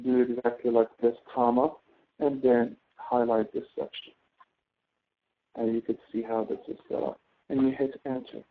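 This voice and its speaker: Over a tinny, phone-like line, a male tutor guides a student through a spreadsheet step by step. His voice is medium-pitched and level, at a normal speed. He explains things and often checks understanding with tag questions.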